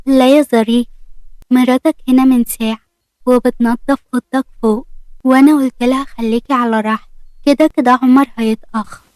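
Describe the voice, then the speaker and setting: A woman's voice: high voice, steady tone, fairly quick, a little mellow, no room sound, close to an everyday voice. A woman with an Egyptian accent voicing a firm, teasing mother who gives orders in a story reading. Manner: firm, scolding.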